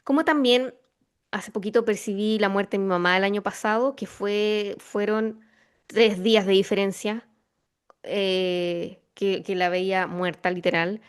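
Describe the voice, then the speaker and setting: A woman's voice: medium pitch, fairly even intonation, unhurried, smooth. A woman with a Chilean accent hosting a casual spiritual podcast conversation, reflective and full of fillers and restarts. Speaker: podcast host.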